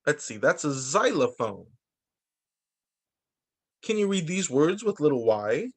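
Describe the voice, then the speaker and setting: This is a man with a slightly high, slightly rough voice, reading storytime books to young children. Slow and deliberate, he speaks with a lively, swooping melody, and his sing-song phrasing recalls a teacher leading little ones line by line.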